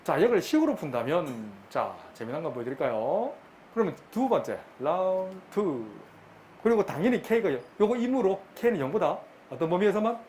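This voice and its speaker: A middle-aged male math teacher lectures in a classroom with a slightly raised pitch. He talks briskly, teases his students and repeats his questions to them. A faint room noise sits behind his voice. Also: sing-song, a little mellow.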